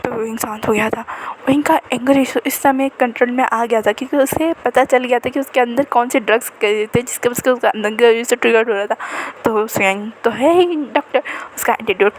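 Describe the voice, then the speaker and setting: A woman's voice: on the high side, fairly quick, a little hiss or hum, poor audio. A woman casually narrating a fan-fiction romance story in a chatty, conversational way.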